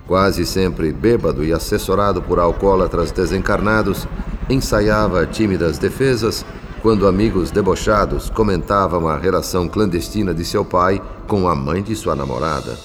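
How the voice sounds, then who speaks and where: Recounting a family's troubles in a radio drama, a solemn male spirit guardian is voiced by a Brazilian-accented actor whose low voice stays close to everyday speech. He speaks in measured, formal, literary language, with music playing behind and a long reverb.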